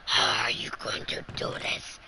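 A woman talking through a voice changer that drops her voice very low into a breathy, whispery, mock-menacing tone during casual gaming chat. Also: unhurried, pushed and bright. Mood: mock threat. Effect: voice changer shifting pitch far down.

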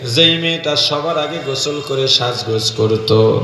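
A man's voice: unhurried, pushed and bright. A man preaching at an open-air gathering, scolding the crowd and chanting emotionally in a sing-song way. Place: outdoor field gathering. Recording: booming echoey PA outdoors.

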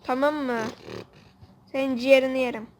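A woman commentating a video game with a friend, excitable and joking, swearing playfully. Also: high-pitched, brisk. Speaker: gamer host. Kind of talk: casual gameplay commentary.

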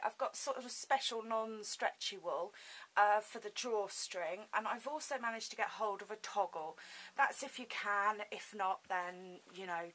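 A woman with a mid-range, fairly bright voice hosts a casual sewing tutorial at her home sewing table, thinking aloud as she works. She articulates toothlessly, lips over her teeth, and the hissy home recording sounds poor.

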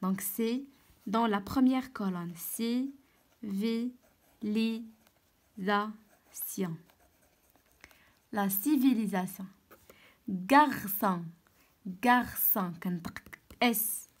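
A woman with a Moroccan Arabic accent giving an online French lesson. She repeats each word slowly and patiently explains how it sounds. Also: mid-range voice. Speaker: French teacher.

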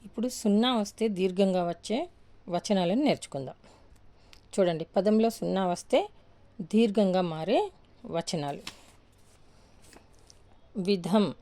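A woman's voice: medium pitch, dark tone. A woman teaching a grammar lesson, patiently repeating each word pair and answering her own questions. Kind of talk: slow step-by-step grammar lesson.

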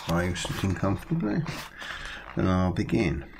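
A man's voice: sits low, normal speed, gravelly, background noise. An older man at home talking about a book and reading from it aloud with storyteller relish, recorded on a close-up webcam. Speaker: vlogger reviewing a book. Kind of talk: casual talk and reading aloud. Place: small room at home, indoors.

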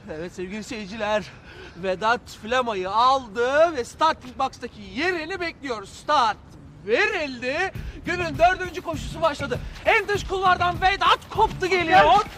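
A man's voice: very high-pitched, moderate pace, sharp tone. An actor playing a cheeky young male conscript in a TV sitcom, who slips into mock sports-commentator patter. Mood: mock commentary. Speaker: soldier. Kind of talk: TV sitcom acting.

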